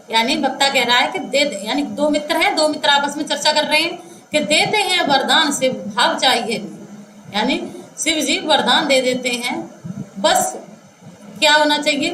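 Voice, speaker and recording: A woman teacher giving a grammar lecture to students, talking slowly and repeating phrases word by word as she dictates, calling them children. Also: sits high, pushed and bright, echoey room, slight background noise, rough recording. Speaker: Hindi teacher. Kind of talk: classroom lecture explaining grammar.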